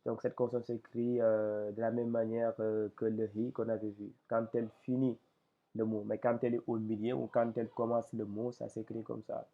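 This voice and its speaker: A man teaching Arabic letters in a lesson, speaking slowly and hesitantly with many fillers and a gravelly voice. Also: lowish voice, flat delivery. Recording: tinny lo-fi phone-like audio.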